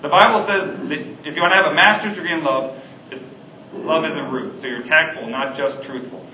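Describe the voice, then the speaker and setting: Middle-aged guy preaching, casual and earnest, lots of ums, bright tone, roomy echo w/ faint hum behind. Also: fairly high pitch, a little fast. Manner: earnest, conversational preaching with fillers. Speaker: pastor. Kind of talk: sermon. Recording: echoey room, mic at a distance.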